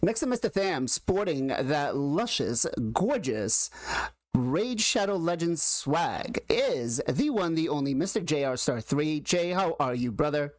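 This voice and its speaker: Guy hosting a stream, hypes up his guests slow and big, dry close mic. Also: on the high side, sing-song, no room sound. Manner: hyped, drawn-out introductions. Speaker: host. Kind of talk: casual livestream chat.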